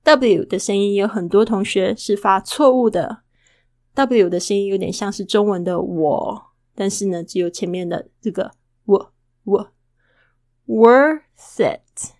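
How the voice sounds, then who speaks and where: A woman hosting a casual podcast lesson, chatty and full of rhetorical questions, who slowly models English words and repeats them. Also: mid-range voice, fairly even intonation, a little mellow, dry recording, studio quality. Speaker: English teacher and podcast host.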